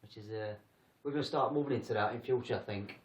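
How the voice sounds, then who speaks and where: A man's voice: on the low side, quick pace. A man from England hosting a casual livestream chat, rambling and joking about himself. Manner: rambling, jokey, self-deprecating. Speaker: paranormal group host. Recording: roomy, distant, dull sound.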